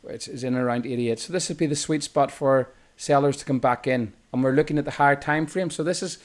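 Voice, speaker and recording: A man's voice: medium pitch, fairly quick. An Irish man talks through a trading chart lesson in an ordinary mid-range voice. He explains in a loose, unscripted way, restarting phrases and correcting himself mid-sentence. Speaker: trading instructor. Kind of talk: screen-recorded chart tutorial.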